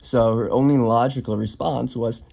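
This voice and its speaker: A man's voice: mid-range voice, steady tone, normal speed, gravelly, mellow, husky. A young man casually telling a personal story, offhand, swearing now and then with lots of fillers.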